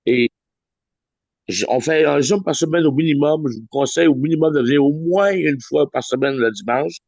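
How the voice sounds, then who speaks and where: A man hosting a weekly video call, halting with many restarts. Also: fairly high pitch, vocal fry, a little mellow, breathy edge, no echo, lo-fi sound. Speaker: host of a weekly Zoom meeting. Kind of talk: informal presentation on a video call.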